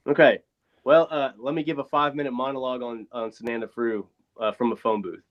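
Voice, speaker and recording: A man with a mid-range voice rambles through a casual sports chat, frank and loose with the odd swear. His voice comes through thin and hollow with no low end, boxed in like a phone booth. The dull, lo-fi earbud mic takes the body out of every word. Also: steady tone, brisk. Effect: thin boxy sound with no bass, like a phone booth. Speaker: podcast co-host. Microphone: failing wireless earbuds over a remote call.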